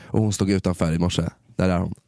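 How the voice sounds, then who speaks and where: Animated young man telling a story. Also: low voice, gravelly, dry recording, studio quality. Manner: animated, acts out quoted exchanges in a raised voice; sprinkles English phrases and swearing. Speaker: podcast co-host. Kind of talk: casual storytelling chat.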